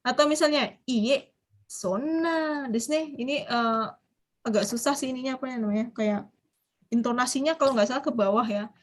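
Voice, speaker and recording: A young woman leads an online language lecture at a quick pace, her voice fairly high. Animated and talkative, she drops foreign phrases into her explanations and tests her students with questions.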